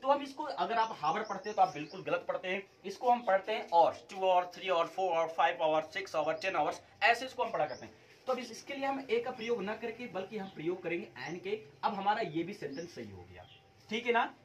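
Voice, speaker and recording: Male English teacher, fairly high voice, walks students through each point and quizzes them. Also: animated, a little fast. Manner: explains step by step, asks students questions and answers them himself. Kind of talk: classroom-style video lesson.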